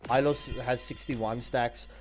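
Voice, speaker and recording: A man giving live esports commentary in an animated, chatty way, repeating himself for emphasis. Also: medium pitch, measured pace, soft background music. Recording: noisy stream mic with clicks.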